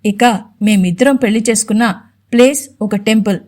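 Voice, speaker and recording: A woman's voice: medium pitch, fairly quick, a little mellow, lightly acted. Stern young male CEO, read by a woman, curt, commanding, protective husband, audio storybook. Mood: firm.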